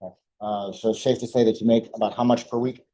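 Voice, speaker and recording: A man questioning a witness in court as defense attorney, with hesitant, halting phrasing. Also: lowish voice, fairly even intonation, mellow.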